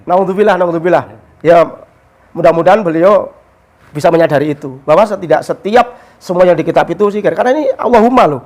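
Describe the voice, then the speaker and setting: High-voiced man telling a religious story. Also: fast talker. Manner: storytelling, mixes Arabic quotes with explanation, animated. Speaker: religious teacher. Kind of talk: casual religious discussion.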